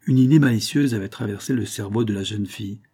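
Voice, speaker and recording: Male audiobook narrator, measured and even; dark, slightly husky voice. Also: lowish voice.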